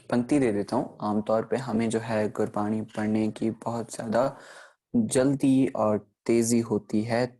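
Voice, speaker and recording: Mellow-voiced man teaching pronunciation patiently. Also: mid-range voice. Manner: patient explaining, checks in often with "theek hai"; slows down to sound out example words. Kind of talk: recorded online grammar lesson.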